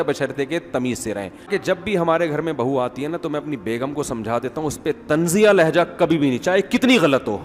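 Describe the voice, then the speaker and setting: Wry middle-aged preacher in a reverberant hall. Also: male voice, fairly high pitch, slight background noise. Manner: conversational, wry, repeats words for emphasis. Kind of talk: informal Urdu sermon. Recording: long hall reverb with faint ambience.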